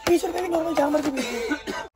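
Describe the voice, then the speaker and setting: Over music, a young wholesale shopkeeper rattles through his prices at a quick pace, pushing an emphatic pitch and repeating his terms amid the bustle of a crowded indoor market shop.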